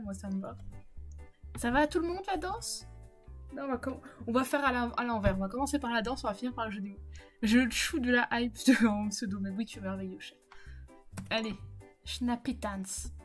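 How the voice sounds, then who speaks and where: A woman streamer chatting casually with her viewers while setting up and playing a game, laughing often. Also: fairly high pitch. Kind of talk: casual live-stream chat while gaming.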